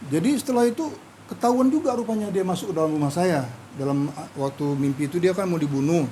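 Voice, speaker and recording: A man tells his own story as an interview guest, and his voice sits fairly high for a man. He acts out the lines of everyone in the story, and his pitch jumps up and down as he does. A faint hiss runs under the recording. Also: poor audio. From Medan, Indonesia. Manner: animated storyteller who acts out quoted dialogue. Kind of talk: personal testimony in an interview.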